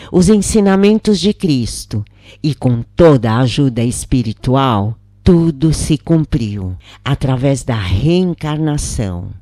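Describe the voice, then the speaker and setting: This devotional reading of a channeled spirit's first-person story comes from a woman with a soft, mellow, medium-pitched voice. She stays calm and unhurried throughout, and the close recording has no echo or room sound.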